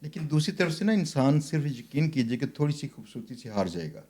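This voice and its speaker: A man's voice: a little high, sing-song, dark tone. Teasing male podcast host. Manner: probing, teasing. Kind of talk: interviewer questions, casual.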